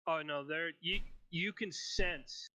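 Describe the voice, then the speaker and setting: Slow, bright-voiced male game master. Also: on the high side, slight background noise. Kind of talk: narrating a tabletop role-playing game.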